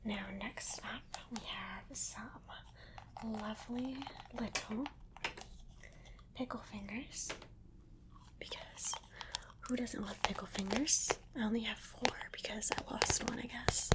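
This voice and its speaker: A woman speaks almost entirely in a soft, breathy whisper, slightly higher than most women. She is playful and coaxing as she gives the listener one small instruction after another. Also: steady tone, slow, long pauses, low-quality recording. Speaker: ASMR creator. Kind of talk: whispered ASMR attention-test role-play.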